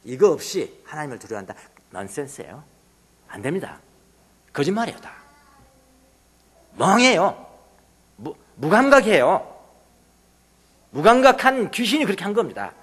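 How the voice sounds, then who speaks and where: A man preaching a sermon in a church hall, his fairly high voice leaping up and down with lively intonation. He drops to near whispers and then bursts out loudly. The sound carries a long, ringing reverb from the sanctuary. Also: normal speed, long pauses, slightly rough. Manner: animated, swinging from hushed asides to loud exclamations. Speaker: pastor.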